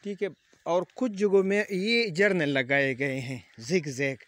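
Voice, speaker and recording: A man working as an agriculture advisor, walking outdoors among poplar trees and explaining to farmers with frequent hesitation fillers. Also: fairly high pitch. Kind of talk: outdoor farm walkthrough.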